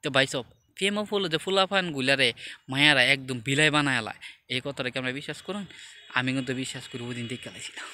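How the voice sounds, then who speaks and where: A man telling a story to his viewers in a chatty, conversational way, often dropping into hushed tones. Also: mid-range voice, quick pace, a little hiss or hum. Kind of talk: casual storytelling monologue.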